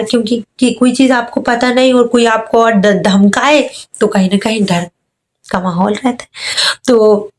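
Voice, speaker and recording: A woman teacher with a Hindi accent explains an English story, reading lines slowly and then paraphrasing them. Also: a little high.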